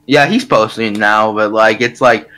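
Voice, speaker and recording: A man co-hosting a casual live podcast, sarcastic and mocking, quick to laugh. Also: on the low side, bright, forceful tone. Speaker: podcast co-host.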